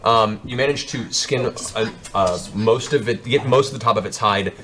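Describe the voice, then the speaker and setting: A man with a lowish voice speaks at normal speed as he runs a tabletop fantasy game, describing scenes in a dramatic storytelling way. Background music plays beneath his narration.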